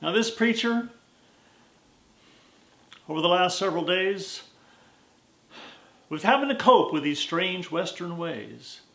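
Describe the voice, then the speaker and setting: An American man telling a story in verse as a dramatic, deliberate and strongly emphatic recitation. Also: sits high, animated, gravelly, pushed and bright, roomy sound. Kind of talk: dramatic recitation of a cowboy poem.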